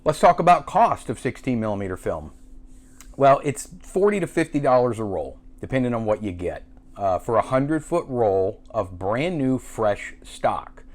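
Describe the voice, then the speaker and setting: Male tutorial host, lively intonation, chatty and self-correcting, demonstrating gear. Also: mid-range voice, normal speed. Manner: chatty, explains while handling a camera, self-correcting. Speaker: filmmaking channel host.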